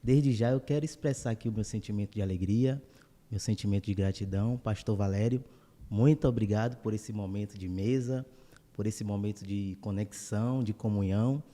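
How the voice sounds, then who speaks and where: A man, a guest preacher who speaks with warm, grateful greetings. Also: fairly low pitch, a little fast, in a large hall. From Salvador, Bahia, Brazil. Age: 20s. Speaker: guest preacher, church elder. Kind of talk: casual interview talk.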